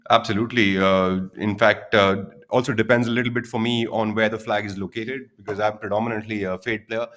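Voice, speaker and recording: Male golf commentator, slightly low voice. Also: steady tone, fairly quick, a bit bright.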